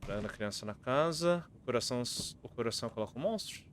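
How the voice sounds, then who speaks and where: A man with a Brazilian Portuguese accent streaming a game, reading riddles aloud and thinking out loud. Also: medium pitch, animated, quick pace, slight background noise. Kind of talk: live gameplay commentary.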